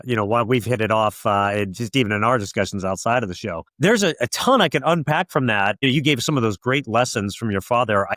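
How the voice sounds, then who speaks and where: A male podcast host speaks casually, with a few ums along the way. His pitch moves up and down a lot as he sets up the question. The sound is dry and close to the mic. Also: fairly bright tone, no room sound. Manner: casual, with fillers. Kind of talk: interview host.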